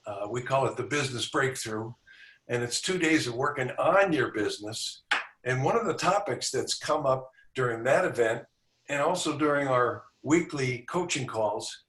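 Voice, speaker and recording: A man's voice: medium pitch, a bit bright. Brief: male coach guest, confident teaching style, echoey room, sits back from the mic. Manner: confident, instructive coaching delivery. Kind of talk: podcast interview. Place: indoor room with a back wall. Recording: roomy sound, distant from mic.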